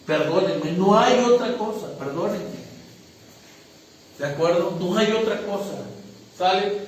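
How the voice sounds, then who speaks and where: A man's voice: high-pitched, lively intonation, measured pace, slight background noise. A man preaching a sermon, emphatic, often checking whether listeners follow. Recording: echoey room, distant mic.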